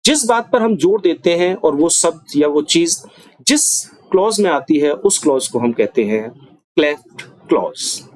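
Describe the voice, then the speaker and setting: Man teaching grammar, lively swooping pitch, dry close sound, emphatic asides. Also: no room sound. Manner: animated, emphatic, chatty with asides; says English example sentences slowly. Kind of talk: Hindi grammar lesson.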